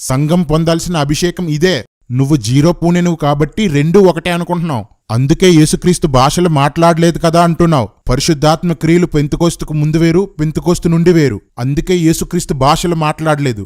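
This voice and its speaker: A man's voice: on the high side, steady tone, fast talker, a little mellow. A man giving a combative religious rebuttal, mocking his opponent and firing rhetorical questions. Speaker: commentator rebutting preachers.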